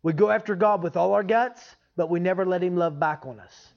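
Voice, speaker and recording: Guy preacher, kinda high voice, folksy teaching sermon, muffled lo-fi sound. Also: brisk, gravelly. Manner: folksy, joking, checks in with listeners. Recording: dull, lo-fi sound.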